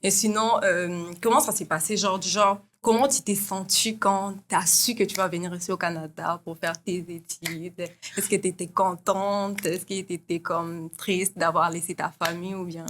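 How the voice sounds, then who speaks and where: A woman's voice: lowish voice, steady tone, moderate pace, fairly bright tone, a little hiss or hum. Friendly woman hosting a podcast. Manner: friendly, encouraging, echoes answers. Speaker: podcast host. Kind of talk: casual interview conversation.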